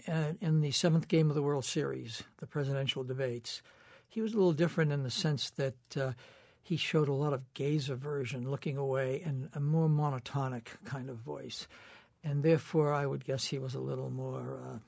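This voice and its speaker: A man's voice: medium pitch, steady tone, normal speed, gravelly, a little mellow, no room sound, studio quality. A man appearing as a psychologist guest on a radio panel, explaining his points analytically, step by step. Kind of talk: expert radio commentary.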